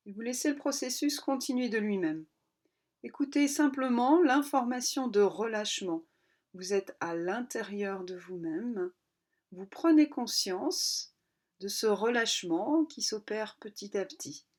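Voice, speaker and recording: A woman in a mid-range voice instructs a yoga nidra session, calmly guiding relaxation. She speaks without rushing, pausing between her brief directions.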